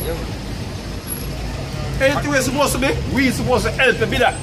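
High-voiced Jamaican man street preaching. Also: a little fast, heavy background noise. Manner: insistent, repeats "you know what I mean" and "man". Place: city street at night, outdoors. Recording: street crowd and music behind.

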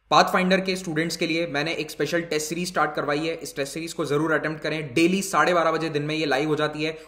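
A man's voice: a little high, fairly bright tone, reverberant. A male educator giving an explanatory exam-prep lecture, switching between Hindi and English terms. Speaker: civil services exam educator. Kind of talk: lecture with course promotion.

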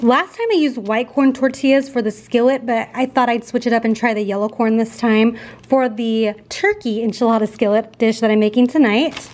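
A woman's voice: on the high side, darkish tone. A woman in her thirties chatting casually with viewers in an upbeat way as she shows off groceries in her kitchen. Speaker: lifestyle vlogger. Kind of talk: casual grocery haul narration. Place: home kitchen, indoors.

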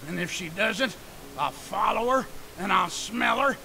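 A creepy, lovesick loner in a video game, with a very high, gravelly voice that swoops up and down. He drawls slowly and mutters to himself in an unhinged way. The game audio is captured with a loud hiss behind it. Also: expressive, full character voice, rough recording. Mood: creepy eager.

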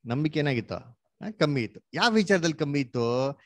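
A man's voice: on the high side, expressive, brisk, dry recording. Dry-voiced questioning male Bible teacher. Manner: questioning, prompts listener to answer and read verses; mixes English words into Kannada. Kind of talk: interactive Bible study lesson.

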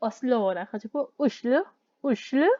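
A woman teaching a language lesson in a relaxed, casual way, explaining words one at a time. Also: sits high, normal speed, dry recording, highs cut off.

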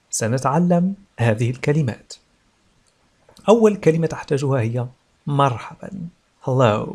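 Male language teacher, husky middle-pitched voice, patient drilling of English phrases for beginners. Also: darkish tone. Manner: explains in Arabic, repeats English phrases slowly for learners.

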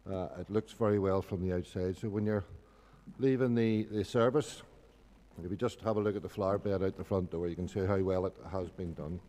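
At a gooseneck lectern microphone in a reverberant indoor church hall, a middle-aged Northern Irish man gives informal announcements. His voice is low and dark, with a steady tone and a slightly fast pace.

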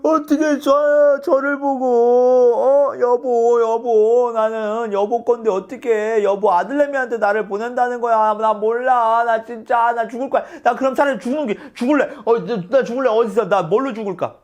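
A man's voice: extremely high pitch, steady tone, moderate pace, few pauses, a little mellow, highs cut off, pitched above the performer's own voice. A man voicing a clingy, dramatic young concubine who sobs and wails that she will die. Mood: wailing. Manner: sobbing, wailing, threatens to die.

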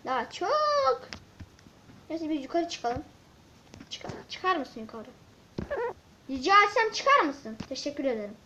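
A woman giving casual let's-play commentary, excitable and grumbling as she talks to viewers and the game. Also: high voice. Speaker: gaming channel host. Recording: dull lo-fi mic with faint hiss and clicks.

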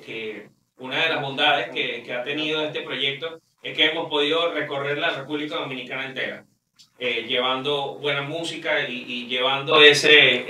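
A man's voice: medium pitch, bright, forceful tone, distant mic, slight background noise. A man with a Venezuelan accent, a band member explaining earnestly in an interview, with many fillers. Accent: Venezuelan Spanish. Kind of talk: interview answers. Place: studio interview set. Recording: roomy, off mic.

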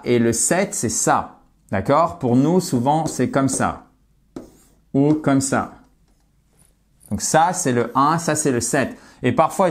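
Male language teacher for an online course, encouraging with viewers, exaggerates English words slowly for practice. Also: mid-range voice. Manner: encouraging, addresses viewers directly.

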